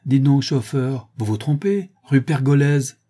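A man's voice: lowish voice, moderate pace, mellow, slightly rough. A man voicing a proud, determined English detective who speaks in clipped, commanding lines.

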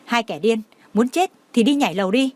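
A woman voicing an angry, rude male driver in an audio story, scornful and yelling. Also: a little high, lively intonation, a little fast, close to an everyday voice.

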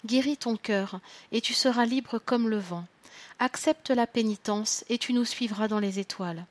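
A woman voicing a soft-spoken spirit guide. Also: a little high, normal speed, no room sound, lightly acted. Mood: solemn. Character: calm spirit guide, gentle and solemn. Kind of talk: storybook reading.

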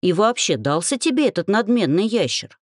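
A woman's voice: mid-range voice, big pitch swings, normal speed, no echo, studio quality, voice pushed up. A woman voicing a blunt, teasing young male half-gnome with a grumbling delivery.

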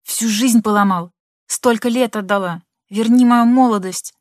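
Woman voicing a shrill, wounded wife. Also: measured pace, no echo, clean studio sound, lightly acted. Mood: bitter. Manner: shrill, accusing. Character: hurt, furious young wife.

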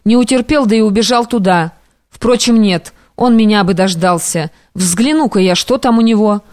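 A woman's voice: medium pitch, moderate pace, a little mellow, no room sound, studio quality, lightly acted. A woman voicing a devoted young male friend who speaks urgently and beseechingly, in an audiobook. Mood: worried.

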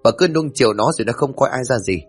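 A man voicing a hot-tempered old male village official who shouts and scolds. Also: mid-range voice, expressive, fast, breathy edge, faint music behind. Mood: angry scolding.

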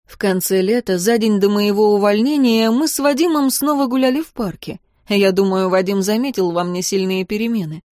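A woman narrating a novel in the first person, calm, measured and expressive. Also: mid-range voice, no room sound, clean studio sound. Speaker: audiobook narrator.

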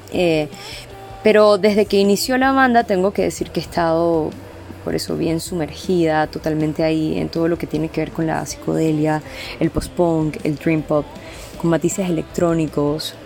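Chatty Panamanian woman, lower voice. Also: vocal fry, darkish tone. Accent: Panamanian Spanish. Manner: chatty, lists things with frequent "eh" fillers. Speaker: singer of a band, guest. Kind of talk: relaxed interview answers.

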